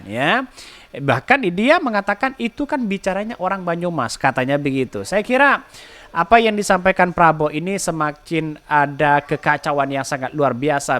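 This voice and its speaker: A man hosts a podcast, delivering a rambling political commentary monologue. His voice sits fairly high and swings in a lively, animated way. He leans on rhetorical questions and keeps tagging his sentences with the same filler words. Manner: rambling, repeats filler tags like "begitu kan". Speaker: podcast host.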